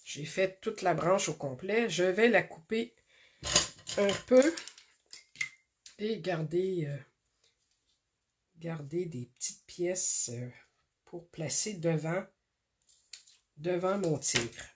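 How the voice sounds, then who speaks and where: A woman hosts a card-making tutorial, talking slowly and carefully through each step with many pauses and fillers. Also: fairly low pitch. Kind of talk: casual craft demonstration.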